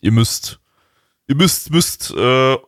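A man's voice: mid-range voice, lively intonation, takes it slowly, a bit bright, no room sound, studio quality. A man co-hosting a podcast in casual chat, rambling with many fillers and restarts. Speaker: podcast co-host.

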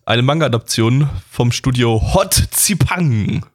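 Rambling young man, mid-pitched voice. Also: expressive, takes it slowly. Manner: loose, rambling, searching for words. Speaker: co-host of an anime review talk. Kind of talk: casual review chat.

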